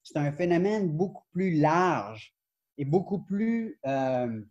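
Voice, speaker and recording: A man in his forties with a Quebec French accent speaks over a webcam from a sunroom. His voice is mellow and slightly husky, a bit high for a man, and he talks animatedly with frequent fillers and self-corrections as he explains his research. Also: slow, dull audio. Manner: animated, gestures a lot, many fillers and restarts. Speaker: professor and book author, guest. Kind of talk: academic interview over video call. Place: glass-walled sunroom indoors. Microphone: video call webcam.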